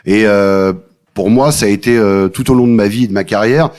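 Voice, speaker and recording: A man speaking in casual chat as a guest paying tribute, halting with many pauses and fillers. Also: on the low side, a little mellow. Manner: hesitant, full of pauses and fillers.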